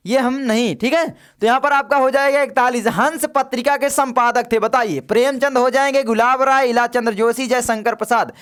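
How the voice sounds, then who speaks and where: Young male tutor, very high voice, informal and coaxing, quick quiz revision. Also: a bit bright, clean tone. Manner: chatty, coaxing students to comment. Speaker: teacher. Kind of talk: exam revision lesson.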